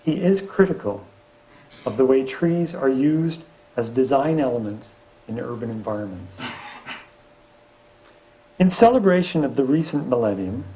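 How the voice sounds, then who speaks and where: A man's voice: a little high, rough recording. A middle-aged man, a professor and landscape architect, giving a public lecture with slides and dropping wry asides. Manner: lively delivery with wry asides.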